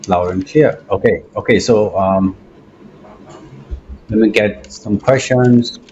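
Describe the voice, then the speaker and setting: A man's voice: on the low side, slow, darkish tone. A man co-hosting a live webinar, speaking through a crackling microphone connection that keeps cutting out, checking whether he can be heard. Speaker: webinar co-host. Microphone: remote call-in microphone. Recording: muffled, crackly call line with faint noise.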